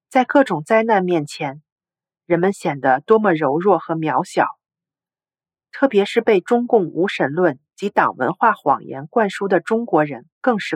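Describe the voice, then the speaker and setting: A woman narrating a story article in a steady, even storytelling read. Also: medium pitch, slightly rough, no room sound.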